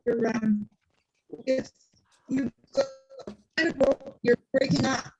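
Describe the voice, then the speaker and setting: A woman's voice: sits high, steady tone, slow, breathy edge, highs cut off. A woman on a group voice chat, cutting in with polite, hesitant remarks, heard distant through the call. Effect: heard over group voice chat, distant. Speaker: meeting participant.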